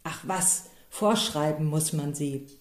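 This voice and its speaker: A woman reading the lines of a big, gruff, proud male village mayor who sounds gloomy and blustering. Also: sits low, slow pace. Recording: roomy echo.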